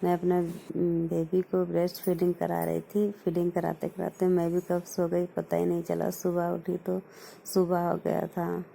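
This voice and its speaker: Young female vlogger, low and flat, speaking softly and chatting casually with her viewers. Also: measured pace, creaky, a little hiss or hum, low-quality recording. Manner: chatty, keeps addressing viewers as friends; speaking softly while others sleep. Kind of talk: casual vlog chat.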